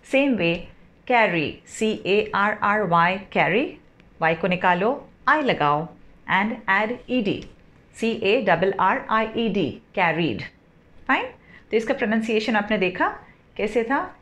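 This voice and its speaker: A woman teaching English verb pronunciation, spelling words out slowly and often checking with a rising "theek hai?". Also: mid-range voice, animated, a bit bright. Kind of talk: spoken lesson, spelling words letter by letter.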